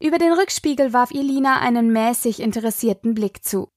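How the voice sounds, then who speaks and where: A woman's voice: fairly high pitch, a little fast, no echo. Woman narrating a storybook, dry close sound. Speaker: audiobook narrator. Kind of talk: scripted narration.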